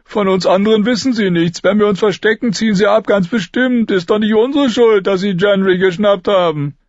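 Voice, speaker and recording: A man's voice: sits high, measured pace, no room sound, muffled recording, pitched above the performer's own voice. A man reading an audiobook, voicing a frightened young boy who whines and pleads. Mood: whiny pleading. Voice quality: whiny, pleading.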